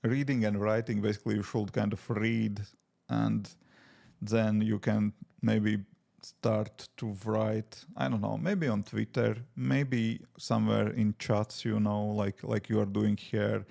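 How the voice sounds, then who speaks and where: A man's voice: on the low side, little pitch movement, slow, gravelly, mellow. A man from Latvia speaking English with a Latvian accent, chatting casually on a live coding stream and thinking aloud with many fillers. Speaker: app developer streaming live. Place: home desk.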